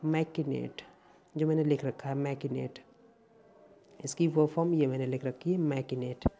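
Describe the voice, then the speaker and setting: A male vocabulary teacher talks through a word list at an easy pace. His voice is mellow and dark, and he repeats each word several times to drill how it is said. A faint hiss of background noise sits behind him. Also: mid-range voice, steady tone, moderate pace, vocal fry, dull audio. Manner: explains patiently, repeating words to drill pronunciation. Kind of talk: explaining vocabulary lesson.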